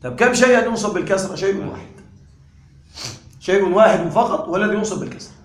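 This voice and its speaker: A man with a high-pitched voice lectures a class on grammar, checking in with his students again and again and hammering each point home. The room adds a clear echo around him. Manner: quizzes the class with frequent questions; repeats key points deliberately. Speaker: grammar teacher.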